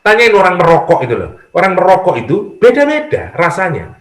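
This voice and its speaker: A middle-aged man with a Javanese accent giving a lively, conversational religious lecture. He acts out the prayers of worshippers and mixes in humor. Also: high voice, a little fast. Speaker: Islamic preacher. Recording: echoey room.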